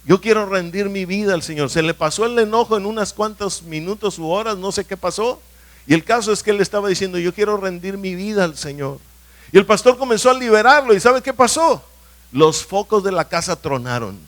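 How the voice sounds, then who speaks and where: A man's voice: high voice, brisk. Emphatic preacher man. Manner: emphatic, asks the congregation questions often. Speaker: pastor. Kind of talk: sermon. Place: church hall.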